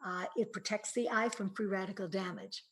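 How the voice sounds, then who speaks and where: Woman presenter, mid pitch, earnest and explanatory, trips over words and restarts. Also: fairly even intonation, fairly quick, low-quality recording. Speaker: health presenter. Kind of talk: presentation on eye supplements.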